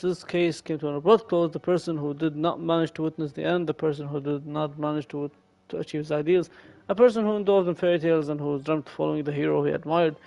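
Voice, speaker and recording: A male streamer reading game story text aloud, haltingly and with frequent self-corrections. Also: fairly high pitch, creaky, a little mellow, lo-fi sound.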